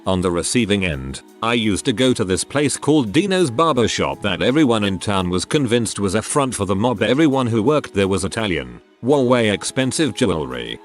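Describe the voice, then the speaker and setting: A man narrating online stories aloud in a steady read-aloud storytelling manner. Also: on the low side, normal speed, few pauses, faint music behind.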